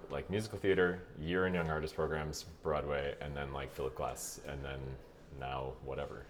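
A man with an extremely low, deep speaking voice talks through his path as an opera singer in a loose, meandering way, full of "like" and quick laughs. A faint hum of noise sits behind him. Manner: relaxed, rambling, with frequent "like" and laughs. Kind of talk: casual interview chat.

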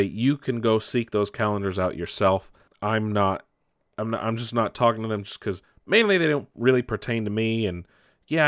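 Male podcast host, lower register, casual and unscripted, often correcting himself, recorded close and dry. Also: dry recording. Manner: loose, off-the-cuff, hesitant, self-correcting. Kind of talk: casual solo gaming and entertainment news podcast.

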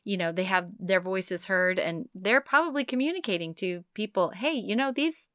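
Bright woman talking from inside a closet. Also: medium pitch, a little hiss or hum. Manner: playful, quick laughing asides. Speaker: podcast co-host. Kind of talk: casual chat.

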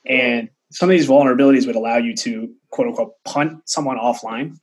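Male tech guest, thirties, medium pitch with a rough husky edge, chatty anecdotal interview delivery. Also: brisk, poor audio. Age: 30s. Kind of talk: casual storytelling in an interview.

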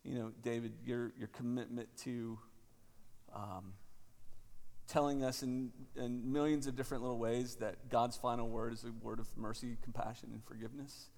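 Man, 30s, pastor, rough gravelly tone, hesitant talker, cathedral echo. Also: medium pitch, flat delivery, a little mellow. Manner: halting, with many fillers and restarts. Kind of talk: conference talk and prayer. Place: large parish church. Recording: cathedral echo, long church reverb.

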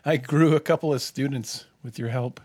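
A man co-hosting a podcast in casual chat, relaxed and enthusiastic. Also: medium pitch, normal speed, breathy edge, no room sound. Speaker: podcast co-host.

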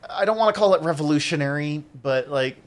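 A man's voice: on the high side, expressive, a little fast. A man co-hosting a podcast, rambling through his thoughts, swearing often and laughing a lot. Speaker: podcast co-host. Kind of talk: casual chat.

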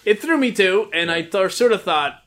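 A man's voice: high-pitched, expressive, normal speed, a bit bright. A man in his forties calling in to a podcast, talking casually and hesitantly, with many ums and restarts. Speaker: podcast caller. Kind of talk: casual chat.

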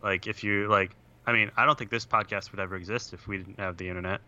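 A young podcast co-host chats casually over a video call from his computer, the audio breaking up and sounding muffled. His lowish voice is bright, forceful and steady in tone, moving at a quick pace as he rambles with lots of "like" and "uh".

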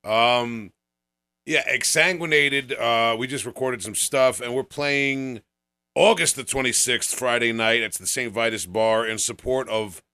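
A man's voice: medium pitch, measured pace, bright, forceful tone, smooth, no room sound. A man with a Long Island accent hosting a casual music podcast, with blunt, sweary banter. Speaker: podcast host.

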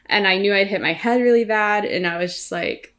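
A woman's voice: medium pitch, a little fast. Chatty young woman telling a story. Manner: animated storytelling, laughs often, many fillers. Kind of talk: casual chat.

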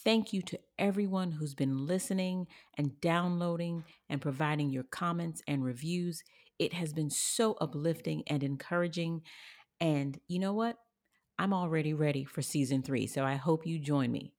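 A woman's voice: sits low, normal speed, a little mellow. A woman hosting a podcast, introducing her show and guest with emphatic, upbeat energy. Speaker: podcast host.

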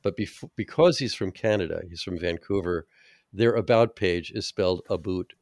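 Deep-voiced man in dry, close sound. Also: normal speed, a little mellow, no echo. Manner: jokey, laughs easily. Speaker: podcast host. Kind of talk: casual chat.

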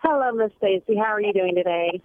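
A woman calling in to a radio show over a phone line, talking in a halting way and often restarting her phrases. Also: medium pitch. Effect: heard over a phone line. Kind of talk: call-in chat with a host.

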